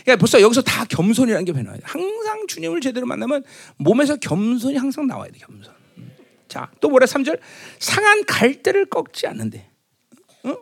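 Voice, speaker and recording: Lively, high-voiced Korean pastor preaching. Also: male voice, fast talker, gravelly, slightly rough. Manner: conversational, teasing the congregation with tag questions; acts out loud proclamations in a raised voice. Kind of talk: sermon.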